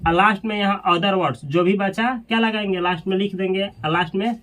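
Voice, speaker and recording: A man's voice: high voice, a little fast, a bit bright. Man teaching English grammar. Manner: asks questions and repeats answers. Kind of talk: classroom grammar lesson.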